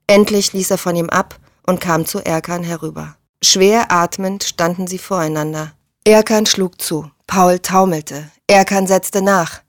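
A woman reads a thriller audiobook with steady, measured narration. The recording is close and entirely dry, with no room sound. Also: fairly low pitch, no room sound.

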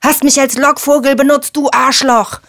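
A woman voicing a young man who yells accusations at his friend in furious desperation. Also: high voice, steady tone, normal speed, dry recording, studio quality, voice pushed up. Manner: yelling accusations.

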